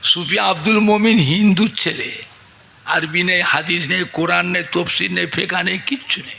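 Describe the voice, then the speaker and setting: High, gravelly preacher. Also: male voice, fairly even intonation, moderate pace, a little hiss or hum. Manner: acts out dialogue in his story, shouts to the crowd. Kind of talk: Bengali waz sermon.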